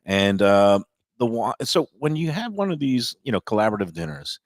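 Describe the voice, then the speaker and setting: A man's voice: fairly low pitch, very animated, normal speed, no echo, studio quality. A man hosting a live chat show from a restaurant, easygoing and enthusiastic about food. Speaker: host.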